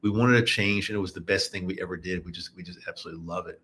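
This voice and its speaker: Low-pitched, fairly even in intonation, rapid-fire and a bit bright, this middle-aged man from the US East Coast hosts a live podcast at his Utah home. Chatting casually with listeners, he rambles and keeps repeating words and restarting.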